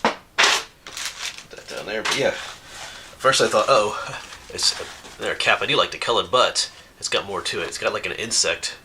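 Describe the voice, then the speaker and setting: On the low side in pitch, a man speaks at normal speed with long pauses as he goes through viewer mail at home for his outdoors YouTube channel. A cold leaves him sniffly; he rambles, laughs frequently, and the camera mic records background noise.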